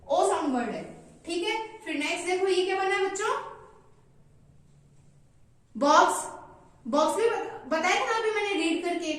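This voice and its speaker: High-voiced teacher woman in an echoey room. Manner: slow, sing-song teacherly spelling-out, coaxing questions. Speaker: kindergarten teacher. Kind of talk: online phonics lesson for small children.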